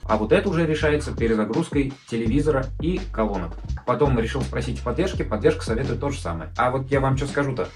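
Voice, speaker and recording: A man's voice: medium pitch, expressive, fast talker, hardly any pauses, soft background music. A man giving a casual, colloquial product review as a video blogger, airing his complaints.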